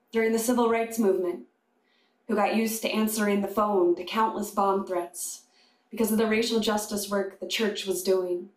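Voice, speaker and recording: Woman, sermon, measured deliberate pacing, reverberant sanctuary. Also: on the high side. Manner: slow, deliberate, measured delivery with pauses. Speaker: chaplain and sermon speaker. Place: congregation sanctuary. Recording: echoey room.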